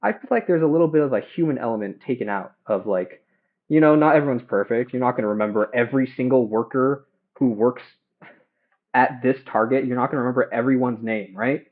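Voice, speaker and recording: A young man chatting casually and haltingly while cooking at home, livestreaming through headphones used as a mic. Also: medium pitch, phone-quality sound. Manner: hesitant, halting, self-questioning. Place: home kitchen. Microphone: headphones used as a phone mic.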